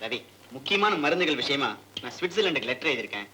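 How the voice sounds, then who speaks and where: An actor playing a friendly male doctor who gently teases his friend in an old film drama. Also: medium pitch, sing-song, rapid-fire, slight background noise. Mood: teasing. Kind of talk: 1960s film drama acting.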